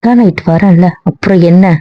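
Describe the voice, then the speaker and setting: A young woman pleads and coaxes in a mid-pitched voice, repeating her words. The audio is dull and lo-fi with a dry, close sound. She plays the wife in a comic skit. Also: a little fast, no room sound. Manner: pleading, coaxing, repeats herself.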